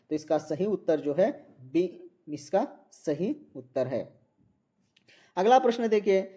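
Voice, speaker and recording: A man's voice: high-pitched, warm tone. A man teaching a Hindi exam-prep lecture, reading out multiple-choice questions and repeating each answer.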